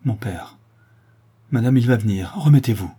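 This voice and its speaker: A grave young son of nobility, speaking coldly and with restraint, as a man reading the story puts him on. The voice is low, dark and husky, quiet and measured. A storybook figure held back by shame. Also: expressive. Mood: hushed. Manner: cold, restrained, solemn. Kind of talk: audiobook reading.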